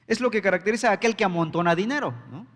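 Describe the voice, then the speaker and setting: Pastor guy preaching hard, lots of questions to the crowd, kinda high voice. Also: rapid-fire, a bit bright, big-room sound. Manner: emphatic preaching with rhetorical questions. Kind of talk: sermon. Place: church sanctuary.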